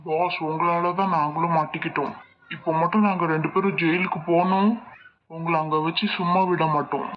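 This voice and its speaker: A man's voice: fairly high pitch, steady tone, a little fast, lightly acted. A man voicing a fed-up, mocking henchman in a cartoon, speaking with a Tirunelveli Tamil accent. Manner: mocking, scolding. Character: grumbling male henchman, fed up. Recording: dull lo-fi audio with hiss.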